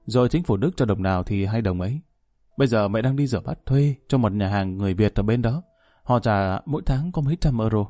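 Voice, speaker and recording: A man's voice: on the low side, a little fast, warm tone, no room sound, lightly acted. Man doing a persistent, coaxing grown daughter. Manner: coaxing, insistent.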